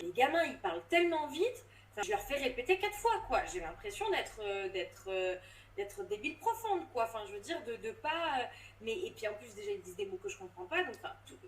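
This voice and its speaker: Recorded with roomy sound far from the mic and a little hiss or hum, a fairly high-voiced woman in her thirties talks in a casual interview. She's a voice coach and drama teacher, explaining hesitantly with many fillers and restarts.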